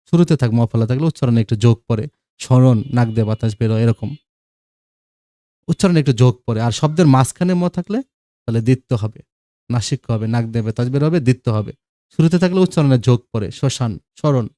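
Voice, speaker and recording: Male teacher, mellow voice. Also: medium pitch, dry recording, studio quality. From Bangladesh. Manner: explanatory, repeats examples, checks understanding with asides. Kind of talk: classroom grammar lesson.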